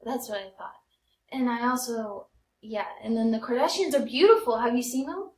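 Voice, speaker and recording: Her pitch is fairly high and a little mellow, and she keeps a moderate pace. She's a young American woman co-hosting a comedy podcast, chatting and recounting personal stories in a roomy, echoey recording.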